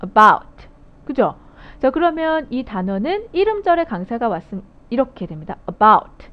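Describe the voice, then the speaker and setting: A woman's voice: sits high, very animated, moderate pace. A woman giving a recorded phonics lecture to teachers, explaining rules step by step and asking her viewers questions. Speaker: phonics instructor training teachers. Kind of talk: video lecture. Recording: dull lo-fi audio.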